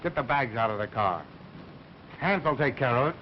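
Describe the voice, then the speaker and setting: An actor as a courteous doctor who turns brisk with orders, in 1930s film style. His pitch moves widely. The soundtrack is muffled with faint noise. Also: lively intonation, close to an everyday voice. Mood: brisk, commanding. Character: brisk, reassuring gentleman doctor, devoted fiancé. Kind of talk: early 1930s film acting.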